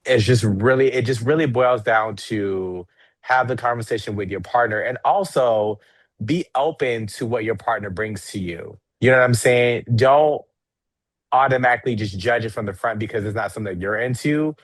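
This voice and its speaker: Animated man steering a casual chat. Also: medium pitch, normal speed, no echo. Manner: animated, acts out scenarios in quoted voices; leads and wraps up the discussion. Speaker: podcast co-host.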